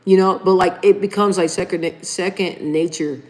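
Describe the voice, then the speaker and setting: This livestream host, a woman in her thirties, speaks at a moderate pace in a fairly low, steady, slightly mellow voice, over a rough recording. Chatty and informal, she reads comments aloud and calls viewers "you guys."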